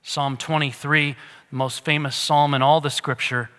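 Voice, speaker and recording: Man, preacher, sermon, bright forceful tone, slightly high voice, scripture reading, urgent to hushed, long hall reverb. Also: little pitch movement, normal speed. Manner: reads verses with sweeping shifts from loud urgency to near-whisper.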